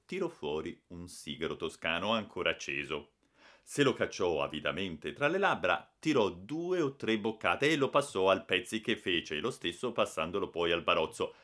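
A man narrating a story as an audiobook in an expressive storytelling style. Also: low-pitched.

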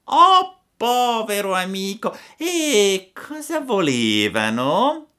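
A man voicing a sly, fawning fox swindler who speaks slowly in a drawn-out, mock-sorrowful way. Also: high-pitched, very animated, pushed and bright, smooth, pitched above the performer's own voice, heavily acted.

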